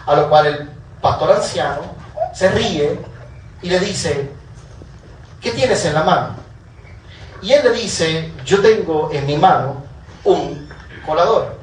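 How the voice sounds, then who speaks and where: A male preacher tells a story to his congregation in an animated way, repeating phrases for emphasis. His voice sits a little high and carries from some distance. The church hall is roomy and echoing, with faint ambient noise. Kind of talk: sermon storytelling. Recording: echoey room, voice from afar, faint ambient noise.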